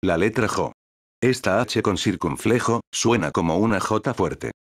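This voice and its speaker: Synthetic text-to-speech man, low and dry. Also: normal speed, dry recording. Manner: evenly paced synthetic text-to-speech reading. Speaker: narrator. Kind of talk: scripted educational narration.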